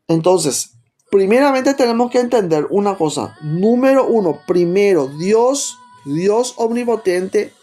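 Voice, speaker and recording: A man's voice: sits high, mellow. A man with a Rioplatense Spanish accent preaching a teaching sermon, stopping often to put rhetorical questions to his listeners.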